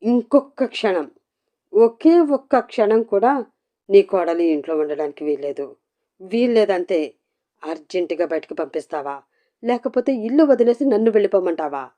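A woman's voice: mid-range voice, normal speed, warm tone, close to an everyday voice. A woman voicing a middle-aged aunt who scolds and pleads in exasperation. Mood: stern.

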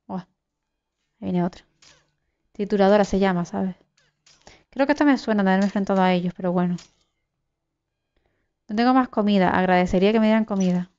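A young woman from giving live gameplay commentary, excitable, swearing and talking to her viewers. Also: mid-range voice, a little fast, long pauses, smooth, highs cut off. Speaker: gaming YouTuber.

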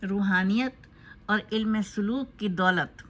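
A woman's voice: mid-range voice, a bit bright. Hesitant woman narrating a tribute. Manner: hesitant, with frequent filler pauses. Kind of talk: unscripted spoken tribute talk.

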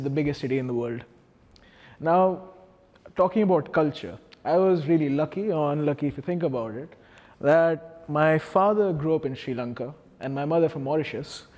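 A man's voice: fairly high pitch, darkish tone. A man in his thirties with an Indian accent, giving a chatty, self-deprecating talk on stage in a large hall, wearing a lapel mic, with many restarts. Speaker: speaker at a public talk. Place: large dark hall with a projector screen. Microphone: small lapel mic. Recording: long hall reverb.

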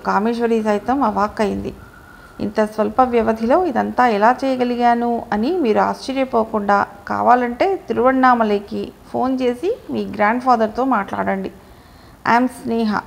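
Female audiobook narrator, a bit high, with a gravelly edge, telling the story herself. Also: poor audio. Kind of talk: reading a novel aloud.

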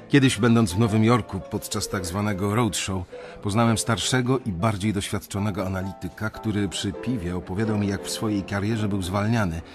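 Speaking at a fairly low pitch with a natural sound, an actor takes the role of a tired young banker telling his tale in a radio drama, confiding and reflective, his voice husky.

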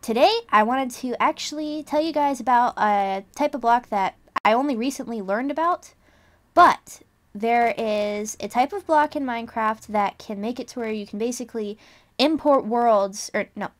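A young woman with a somewhat high voice walks through a game tutorial in a loose, chatty way. She rambles, stops to correct herself and jokes with her viewers as she goes. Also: moderate pace. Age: young adult. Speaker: channel host.

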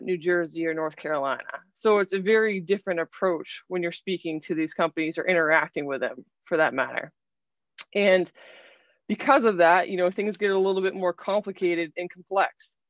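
A woman in her thirties giving an online webinar presentation from a small room, explaining things in a measured way with some fillers. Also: on the low side, no echo. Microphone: laptop webcam video call. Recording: dull, dry video-call audio.

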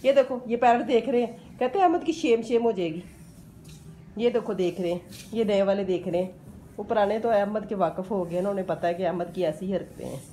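While filming a home vlog during a power cut, a woman with a Pakistani Urdu accent playfully teases a toddler in sing-song baby talk. Her voice is medium-pitched with a dark tone, and there's slight background noise.

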